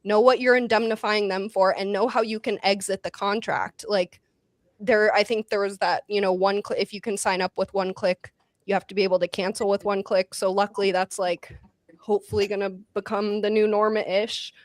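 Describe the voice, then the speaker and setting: A woman chats casually on a panel and gives practical advice, with plenty of fillers as she goes. Her voice sits at a middle pitch. The recording is dry and close, with no room sound. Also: level tone, moderate pace, dry recording. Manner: chatty, advice-giving, many fillers.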